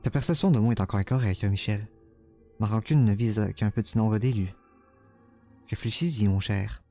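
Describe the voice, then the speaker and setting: A man's voice: lowish voice, warm tone, soft background music, close to an everyday voice. A man voicing a cruel, taunting young female witch spirit while reading a game's dialogue aloud. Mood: scornful. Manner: mocking, teasing, slow and menacing.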